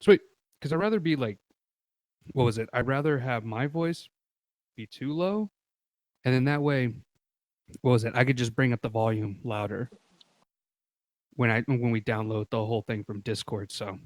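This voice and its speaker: A man co-hosting a casual podcast chat, excitable and swearing, talking into a desk mic as he moves toward and away from it. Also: mid-range voice, normal speed, pauses often, dry recording. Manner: excitable, loud, swearing, laughing. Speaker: podcast co-host. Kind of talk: casual chat over a call. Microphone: desk mic, moving closer and away.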